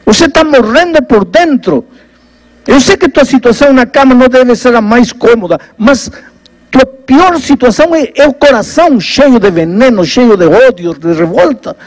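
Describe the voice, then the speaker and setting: A man preaching a sermon as a pastor, telling a story with dramatic shifts between hushed low lines and raised ones. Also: poor audio.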